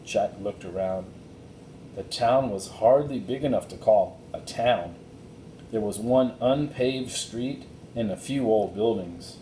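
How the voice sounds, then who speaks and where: The clip is scripted storybook narration: a man reading a children's chapter book aloud with care and plenty of expression. It carries a roomy echo and a touch of noise and rumble.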